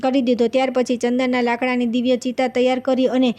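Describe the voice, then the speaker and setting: Flat, mellow woman reciting scripture. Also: high voice, quick pace. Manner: steady recitation, occasional stumbles and fillers. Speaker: scripture reader. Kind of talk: devotional scripture reading.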